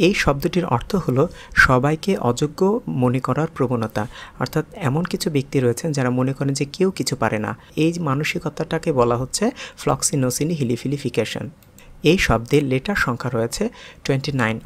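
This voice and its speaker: A man with a gravelly, creaky voice teaches a vocabulary lesson in a steady middle register. He breaks long words into syllables and says them again and again. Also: medium pitch. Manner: asks viewers questions. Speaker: English teacher.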